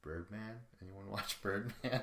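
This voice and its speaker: A man's voice: lowish voice, measured pace, noisy background. A man hosting a podcast, rambling through a casual solo recap with profane, chuckling asides. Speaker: podcast host. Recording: echoey room.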